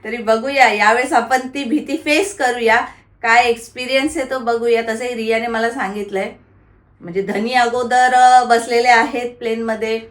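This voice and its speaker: A woman's voice: fairly high pitch, fairly even intonation, normal speed, echoey room. A woman vlogger, chatting casually to her viewers and talking baby talk with a toddler. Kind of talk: casual vlog chat.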